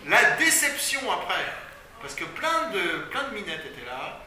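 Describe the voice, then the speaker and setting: Man recounting a story casually and lively, recorded distant in a reverberant, noisy room. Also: sits high, unhurried. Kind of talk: casual anecdote. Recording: echoey distant room with noise.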